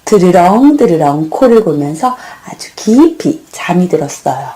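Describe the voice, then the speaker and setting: A woman teacher telling a children's fairy tale, talking to the kids in an animated way. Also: mid-range voice, a little slow. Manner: animated, speaks to children as 친구들. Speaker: language teacher. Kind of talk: children's storytelling lesson.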